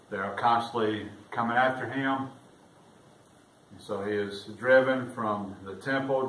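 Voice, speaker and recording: A man preaching a sermon stands far from the mic in a church with lots of echo. As pastor, he lifts his voice louder and higher to read scripture aloud. There's roomy reverb, an off-mic quality, and faint room noise.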